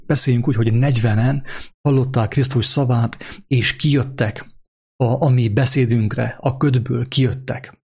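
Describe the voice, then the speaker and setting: A man's voice: mid-range voice, a little mellow. A male preacher delivers a sermon emphatically, repeating key points. He hesitates with fillers between phrases. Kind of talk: sermon with story reading.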